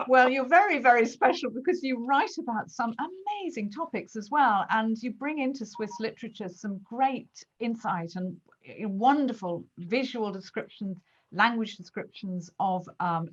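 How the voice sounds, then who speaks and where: A woman's voice: medium pitch, normal speed, lo-fi sound. A woman hosting an author interview series, introducing her guest and asking questions in an effusive, emphatic way. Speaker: interviewer and host. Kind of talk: enthusiastic interview.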